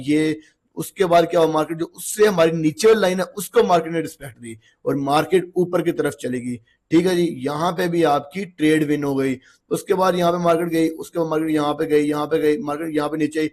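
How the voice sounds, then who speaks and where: A man with a somewhat higher voice than most, sounding a little hoarse after a long day of talking. He explains charts in a loose, conversational way and keeps checking in with the listener. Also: a little mellow. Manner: chatty, repeats checks like "okay ji" and "look". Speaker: trading instructor. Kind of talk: casual screen-walkthrough lesson.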